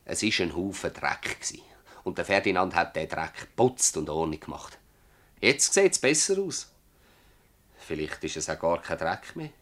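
Here the same role appears: a male actor as the stubborn, bitter old farmer of a Swiss German dialect radio drama, rambling emphatically with rhetorical repetition. The voice is low with wide pitch swings, normal speed, and a fairly bright tone, and the mood is stubborn and earnest.

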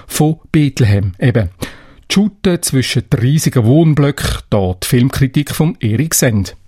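A man's voice: medium pitch, a little mellow, no room sound, studio quality. A man reading scripted regional news on the radio.

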